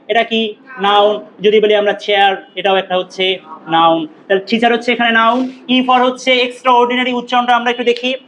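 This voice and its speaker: Male grammar teacher, very high and flat, drills words, quizzes class. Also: slight background noise, low-quality recording. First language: Bengali. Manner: repeats words for drill, asks students questions.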